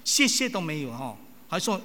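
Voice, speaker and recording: A man preaching with a bright, lively voice that swings up and down as he tells his stories. He acts out the people he quotes. His voice rings through a hall with a long echo. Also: a little high, normal speed. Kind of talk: sermon with personal stories. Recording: long reverb of a large hall.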